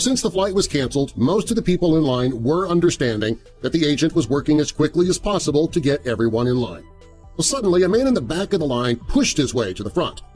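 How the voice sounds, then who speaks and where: Male narrator, scripted storytelling, slightly high voice, lively intonation, music behind. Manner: animated storytelling. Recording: music under the voice. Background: background music.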